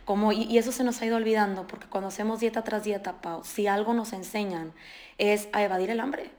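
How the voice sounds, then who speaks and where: A woman's voice: medium pitch, fast talker. A woman nutritionist, explaining in casual podcast conversation and acting out her patients' words. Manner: animated, explanatory, acts out patients' quotes.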